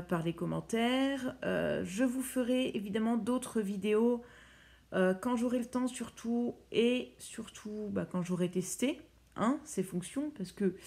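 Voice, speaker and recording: A woman casually walking viewers through phone settings, hesitant and full of fillers and self-corrections. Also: a little high. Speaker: YouTuber presenting phone accessibility settings. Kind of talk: casual tutorial walkthrough.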